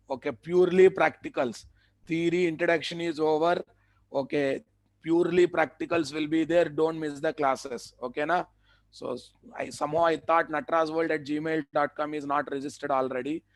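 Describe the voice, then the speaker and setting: A man with a South Indian, Telugu-influenced English accent, teaching a live online software class in short instructions that he often repeats. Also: a little high, dry recording. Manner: repeats phrases, clipped instructions. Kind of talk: live online tutorial, addressing students.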